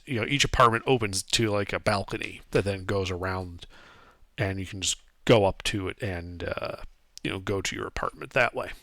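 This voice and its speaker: Male game master, casual improvised narration, halting delivery, lively intonation, dry close sound. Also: lowish voice, dry recording. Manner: halting, searching for words.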